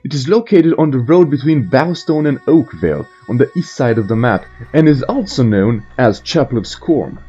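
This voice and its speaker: A man's voice: medium pitch, very animated, normal speed, few pauses, warm tone, slightly rough. A man delivering scripted video game lore narration as a storyteller, with irreverent joking asides. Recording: muffled voice over faint music.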